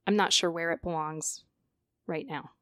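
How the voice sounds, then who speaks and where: A woman's voice: low voice, steady tone, moderate pace, pushed and bright, no room sound, studio quality. A woman speech-language pathologist speaking as a guest in a podcast interview, emphatic and passionate, often restarting her sentences.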